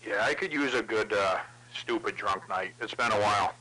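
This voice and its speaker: Over crackly, clicking CB radio, a man with a voice on the low side chats casually at a normal speed. He rambles along and swears heavily.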